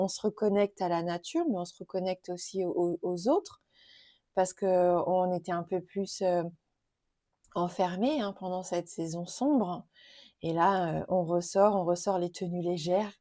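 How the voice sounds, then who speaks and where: A woman chats warmly through her favourite oracle cards, her voice mellow and dark-toned. She talks gently and enthusiastically, padding her sentences with small fillers. The sound is dry and close, with no room echo. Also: fairly low pitch. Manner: chatty, many fillers and "hein". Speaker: tarot and oracle card youtuber. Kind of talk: casual card-showing tag video.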